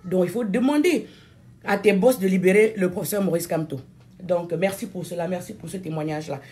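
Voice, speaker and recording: A Cameroonian woman who speaks French natively, with a Cameroonian accent, delivers a fervent political speech to viewers as an activist. She talks deliberately and emphatically, repeating phrases for emphasis, in a lowish, somewhat dark voice.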